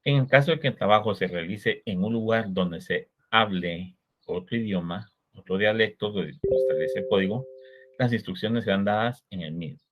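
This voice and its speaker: This recorded law lecture comes from a Guatemalan man whose accent is Guatemalan Spanish; he explains calmly and asks his students rhetorical questions. His voice runs on the low side, and the audio is dull and lo-fi.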